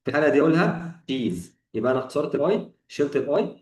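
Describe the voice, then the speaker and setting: A man's voice: medium pitch, expressive, rapid-fire, darkish tone, distant mic. A man with an Egyptian Arabic accent teaching an English grammar lesson, explaining step by step, repeating examples and asking rhetorical questions. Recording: echoey room, voice off-mic.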